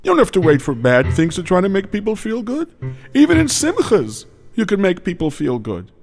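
A man playing a gravelly old grandfather rabbi. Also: high voice, huge pitch swings, moderate pace, heavily acted. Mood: teaching. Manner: gentle storytelling, sprinkled with Yiddish and Hebrew words. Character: elderly grandfatherly male rabbi, warm and teaching. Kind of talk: audio drama for children.

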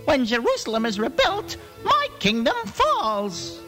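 A man's voice: huge pitch swings, a little slow, sharp tone, faint music behind, exaggerated voice. An actor voicing an anxious, easily frightened male king who frets and stammers. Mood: fretful. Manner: fretful, stammering, shrill.

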